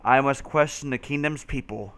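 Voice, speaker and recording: Swearing young man gaming with a smooth voice. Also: mid-range voice, moderate pace. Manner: swears often, laughs, excitable outbursts. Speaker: gamer playing and co-hosting. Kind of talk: casual let's play banter.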